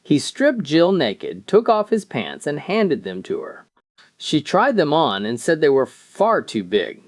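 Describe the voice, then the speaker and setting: A man tells scripted jokes in an animated storytelling style, acting out the dialogue. His pitch moves around a lot, and the sound is dry and close with little room on it. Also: measured pace, dry recording. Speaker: joke teller. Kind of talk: scripted joke narration.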